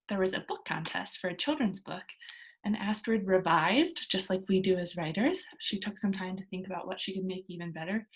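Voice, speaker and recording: The audio is poor as a woman with a fairly low voice reads a children's book to young pupils, explaining it in a lively storytelling style like a teacher.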